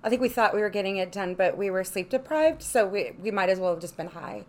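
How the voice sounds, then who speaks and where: A woman's voice: medium pitch, lively intonation, fast talker. A woman co-hosting a podcast in casual chat, chatty and full of "like", swearing freely. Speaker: podcast co-host.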